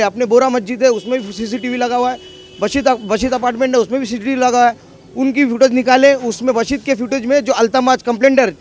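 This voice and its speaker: A local man in a street interview, talking insistently and with grievance. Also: extremely high pitch. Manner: aggrieved, insistent. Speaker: local resident.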